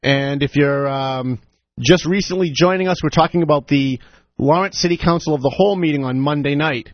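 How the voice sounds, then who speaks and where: A man hosting a talk radio show, giving opinionated commentary with sarcastic, animated asides. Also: on the high side, a little fast, no room sound, dull audio. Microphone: studio microphone.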